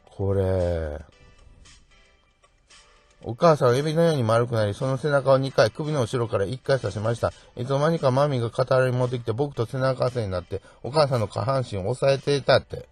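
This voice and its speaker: Man hosting solo true-crime talk, chatty and wry, mid pitch, faint music under him. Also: quick pace, few pauses. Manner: chatty, peppers sentences with "ne" tags and wry asides. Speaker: podcast host.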